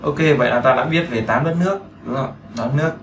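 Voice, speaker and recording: A man's voice: medium pitch, quick pace, reverberant, slight background noise. A man teaching a beginner English lesson, explaining patiently and often checking that listeners follow. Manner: patient, repetitive explaining with frequent check-in questions.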